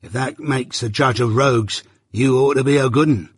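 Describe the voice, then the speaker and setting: A man voicing a surly, jealous journeyman blacksmith with a gruff growl and grudging rustic speech, in a storybook reading. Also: mid-range voice, normal speed, no echo, clean studio sound, long reverb tail, lightly acted. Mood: menacing. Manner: rustic dialect, grudging and argumentative.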